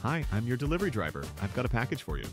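An actor playing a brisk, friendly male delivery driver, heard through a doorbell camera speaker. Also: mid-range voice, big pitch swings, over music.

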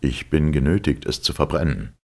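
An unflappable gentleman who speaks with cool composure, as a male reader gives him voice. The voice is very deep, gravelly and husky. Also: normal speed, full character voice. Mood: calm. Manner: unruffled, even-tempered. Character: calm, phlegmatic English gentleman, middle-aged.

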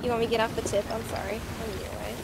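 High-voiced excitable woman gaming. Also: racing, gravelly, heavy background noise. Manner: excitable, exclaiming. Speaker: video game streamer. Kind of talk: casual co-op gaming chat. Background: game music.

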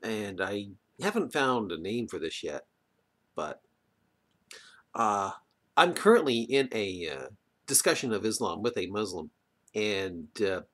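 At home in a wood-panelled room, a middle-aged video maker talks casually into a computer or webcam microphone about arm's length away, hesitant and often trailing off. His voice is fairly low and fairly bright, very animated, a little slow with frequent pauses, and the noisy webcam mic picks up room ambience.

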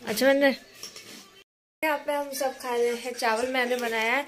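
A young woman vlogging casually at home with her family, chatty and quick to laugh as she talks to her viewers. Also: high voice, fairly even intonation, fairly bright tone. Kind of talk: casual home vlog chat.

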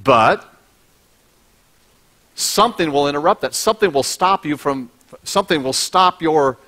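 Middle-aged pastor preaching with wry humor. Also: male voice, fairly high pitch, expressive, a little slow, bright, forceful tone. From United States. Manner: humorous, conversational preaching, props in hand. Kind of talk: sermon. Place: large church stage.

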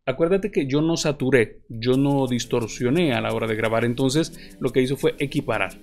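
A man's voice: medium pitch, moderate pace, darkish tone, soft background music. A man teaching podcast editing, talking patiently with frequent hesitant fillers like "eh". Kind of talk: explanatory tutorial. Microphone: studio podcast microphone.

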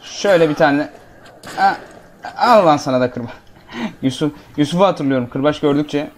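A man's voice: on the high side, normal speed, a little hiss or hum. A man giving casual, jokey let's-play commentary and talking back to the game characters as he plays. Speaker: gameplay commentator.

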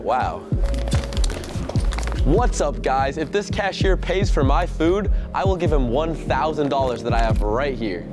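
Joking young man vlogging in stores. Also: on the high side. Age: young adult. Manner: joking, laughs often, quick slangy talk. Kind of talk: casual prank vlog. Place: stores, parking lot and gas station, indoors and out.

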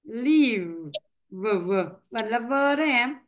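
A young woman leads an online English lesson in a slightly high, unhurried voice. She drills pronunciation patiently, one word at a time. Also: lively intonation. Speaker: English teacher. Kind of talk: online class teaching. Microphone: headset or computer mic on a video call.

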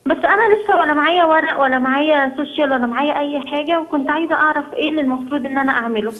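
A woman's voice: sits high, rapid-fire, narrow, tinny audio. A young Egyptian woman with an Egyptian Arabic accent, calling in politely to ask for advice. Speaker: caller. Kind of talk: phone-in call.

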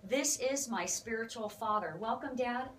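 Woman, ministry host, excited, preachy, higher voice, a bit off-mic. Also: normal speed, recorded from a distance, a little hiss or hum, low-quality recording.

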